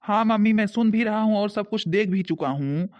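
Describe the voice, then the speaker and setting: Speaking briskly in a medium, everyday-sounding voice, a voice actor plays a young cartoon husband in Hindi, a drinker turned remorseful. His delivery is earnest and pleading, captured on dull lo-fi audio.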